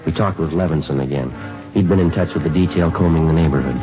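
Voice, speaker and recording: Terse radio police sergeant, very low and fast, deadpan, muffled old-time recording. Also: male voice, music in the background. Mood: flat, factual. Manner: deadpan, clipped, matter-of-fact, courteous. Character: clipped, dutiful, unemotional male police sergeant narrator. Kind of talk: 1950s radio police drama narration and dialogue. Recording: dull, band-limited vintage radio recording.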